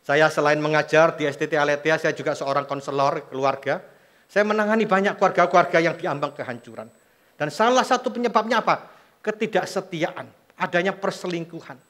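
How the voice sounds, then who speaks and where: A middle-aged man, preaching a sermon as pastor, telling animated stories with quoted voices and jokes. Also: a little high.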